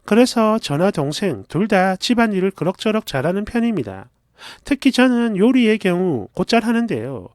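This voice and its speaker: A man reading a first-person story aloud in a chatty, confiding, expressive way. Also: sits high, moderate pace, no room sound, clean studio sound.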